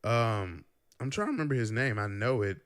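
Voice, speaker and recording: With a lowish voice and a moderate pace, a young podcast host keeps a casual chat going, teasing his guest in a relaxed way and guiding which topics come up.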